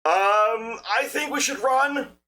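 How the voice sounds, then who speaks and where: A man's voice: medium pitch, a little slow, fairly bright tone, close to an everyday voice. A man voicing a timid, anxious companion character in a tabletop game, nervous and hesitant. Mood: panicky. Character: timid, anxious companion creature called Tendy.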